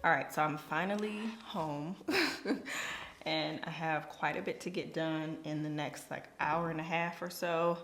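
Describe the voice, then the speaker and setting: A young woman with a notably low-pitched voice talks through her day in a relaxed vlog. Her delivery is loose and chatty, full of fillers and little asides. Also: measured pace, a little hiss or hum. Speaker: vlogger and business coach. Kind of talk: casual day-in-the-life vlog chat.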